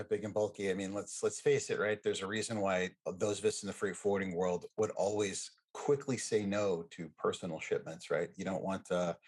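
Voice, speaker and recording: A man's voice: sits low, breathy edge. A middle-aged man from the United States, a guest on a podcast, chatting casually and telling jokey stories. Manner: animated, jokey storyteller. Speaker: guest, freight forwarding executive.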